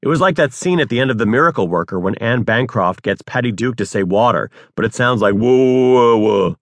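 A man narrating his own memoir as an audiobook, with wry, deadpan humor. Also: mid-range voice, quick pace, dry recording.

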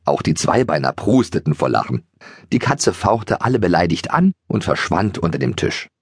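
Male audiobook narrator, low voice, lively melody, husky edge, dry close sound. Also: moderate pace, no echo. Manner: animated, expressive storytelling.

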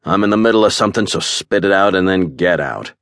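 A man reading as a brooding male warrior leader, gruff and curt in his replies. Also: low voice, normal speed, fairly bright tone, dry recording, studio quality.

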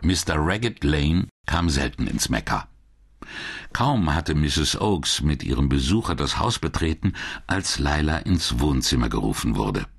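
A man narrating a classic crime audiobook in a measured, expressive reading style. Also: a bass voice, gravelly, slightly rough. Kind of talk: scripted narration.

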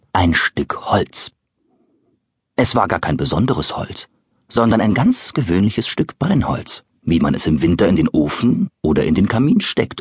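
Guy reading a kids story, low husky breathy voice, talks to the kids, super dry close mic. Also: dry recording. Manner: speaks directly to child listeners, unhurried and playful. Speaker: audiobook narrator.

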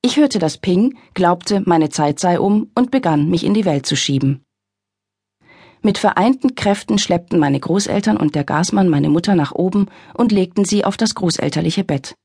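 A woman's voice: on the low side, lively intonation, normal speed, warm tone, husky, no room sound. A woman narrating an audiobook in the first person, in a wry, exasperated storytelling manner, on a close studio mic.

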